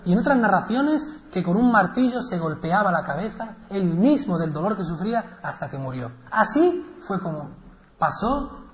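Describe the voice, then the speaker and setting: Animated preacher telling a story. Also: male voice, high-pitched. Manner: animated, dramatic, laughs between phrases. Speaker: religious lecturer. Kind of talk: storytelling religious lecture. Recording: echoey, dull lecture recording.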